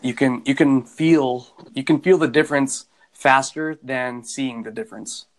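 A young man speaks in a mid-range voice in a relaxed chat. He gives advice thoughtfully, stumbling at times and filling his pauses with um and I mean. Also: medium pitch, poor audio. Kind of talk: casual conversation.

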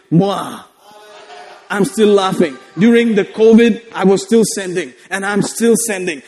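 A man with a Malayali Indian English accent preaching a sermon in a conversational, joking, exhorting manner, often calling for amens. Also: high voice. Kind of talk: sermon to a congregation, exclamatory call-outs. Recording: echoey hall with long reverb.

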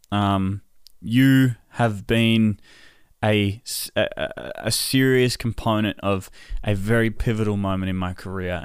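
Low, unhurried man, smooth and subdued. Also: dry recording, studio quality. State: tired and in pain, recovering. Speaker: podcast host. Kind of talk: casual solo podcast monologue.

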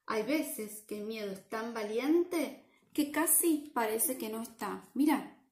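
A woman with a Rioplatense Spanish accent reads a picture book aloud to children, playful and lively, often asking them questions. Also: fairly high pitch, slow, roomy sound. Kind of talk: animated read-aloud for children.

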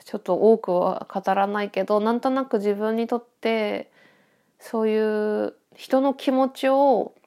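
A woman's voice: medium pitch, fairly even intonation, unhurried, warm tone. A woman with a stuffy-nosed, nasal voice chatting casually on her own as an audio podcast host, reflective and hesitant as she thinks aloud.

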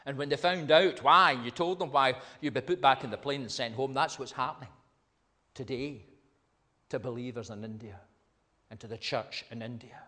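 Pastor preaching with dramatic swings. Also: male voice, medium pitch. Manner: dramatic swings between loud emphatic phrases and hushed slow ones. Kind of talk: sermon.

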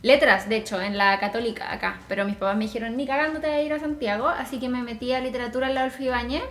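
A woman's voice: on the high side, racing, reverberant. A Chilean woman in her thirties, a podcast guest chatting casually and laughing. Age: 30s. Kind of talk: casual chat.

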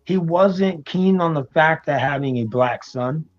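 A man from the United States, raised in New York and Florida, talking as an interview guest in a relaxed, hesitant way with many ums. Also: fairly high pitch, a little slow, lo-fi sound, soft background music. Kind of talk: casual interview chat.

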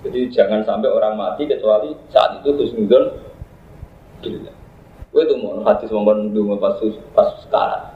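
Jokey Javanese-accented cleric, echoey room. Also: male voice, lowish voice, phone-quality sound. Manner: jokey, mixing Javanese chatter with slow Arabic recitation. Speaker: Islamic cleric teaching a classical text. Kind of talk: informal religious lecture.

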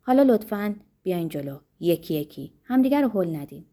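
A woman reading an audiobook, voicing a bossy male official who gives orders and then coaxes smoothly. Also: on the low side, steady tone, darkish tone, voice pushed down, close to an everyday voice. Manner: commanding then coaxing.

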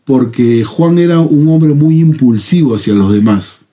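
A man with a Peruvian Spanish accent leading a Bible study, talking in a measured, earnest way with pauses and fillers. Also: medium pitch, animated, dark tone. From Peru.

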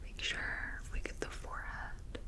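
A woman doing a whispered role-play as a gentle, soothing spa attendant, in a soft, breathy whisper. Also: unhurried. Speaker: ASMR host playing a spa beautician.

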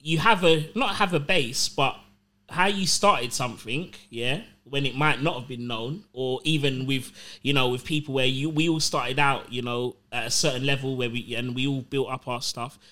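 Bright, punchy-voiced man bantering casually. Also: mid-range voice, normal speed.

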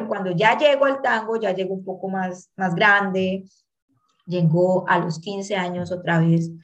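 A Colombian woman in her thirties tells her own story as an interview guest. She talks earnestly and with animation, and she acts out the voices of people from her past. Her voice sits at a middle pitch. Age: 30s. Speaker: guest, tango dancer.

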